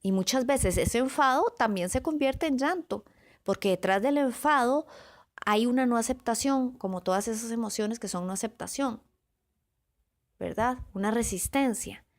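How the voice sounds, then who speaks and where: A woman motivational speaker giving a calm, reflective podcast talk, listing words one by one with pauses and often checking in with her listeners. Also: on the high side. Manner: often checks in with the listener with a soft question tag. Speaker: motivational speaker on self-awareness.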